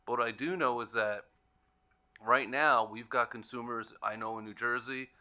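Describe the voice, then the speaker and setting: A man's voice: mid-range voice, steady tone, moderate pace, pushed and bright, clear, resonant tone. A man, speaking as a consumer advocate on a panel in an earnest, plainspoken way. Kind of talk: panel discussion remarks.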